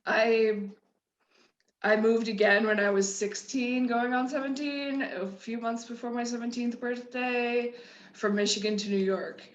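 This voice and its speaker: A middle-aged Midwestern woman tells her own story candidly as a podcast guest, often restarting her sentences. Her voice sits a little high with fairly even intonation and an unhurried pace, and the audio is dull with a roomy echo.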